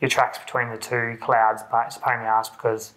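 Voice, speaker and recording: A man's voice: medium pitch, little pitch movement, fairly quick, pushed and bright, rough recording. A man, co-hosting from home and adding dry, jokey asides. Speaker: vlog co-host. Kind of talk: casual chat. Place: living room at home.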